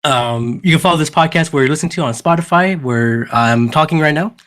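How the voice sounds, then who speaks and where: A man's voice: a little high, a little fast, fairly bright tone. A man hosting a podcast in casual group chat, loose and jokey, often stumbling over his words. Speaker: podcast host.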